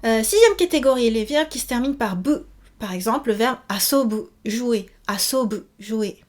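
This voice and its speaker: A woman's voice: fairly high pitch, expressive, normal speed, a little mellow. A woman giving a casual video lesson, chatty, with many fillers, repeating each example word. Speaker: Japanese teacher.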